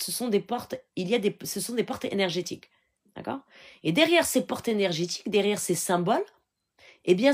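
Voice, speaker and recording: Woman, live Q&A teacher, earnest, slightly low voice, constant check-ins. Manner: switches between French and Moroccan Arabic, many "d'accord?" check-ins; earnest, instructive. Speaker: spiritual healer answering questions. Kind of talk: live question-and-answer talk.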